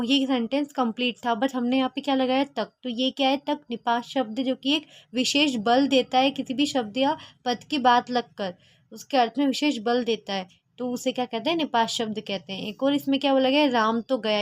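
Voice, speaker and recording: A woman's voice: on the high side, normal speed, no echo. A woman tutoring a grammar lesson, explaining each example and answering her own questions, with fillers and restarts.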